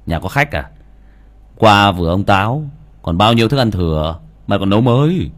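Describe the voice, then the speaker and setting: A man's voice: lowish voice, expressive, moderate pace, natural voice. A man playing a fawning, stammering greedy son. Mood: grumbling. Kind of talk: audiobook character voice.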